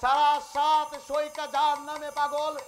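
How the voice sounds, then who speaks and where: A man's voice: extremely high pitch, completely flat delivery, unhurried, over music. A man playing an earnest, defiant young patriot in Bengali folk theatre, declaiming formally and passionately with a Bengali accent. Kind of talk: historical Bengali jatra folk theatre acting.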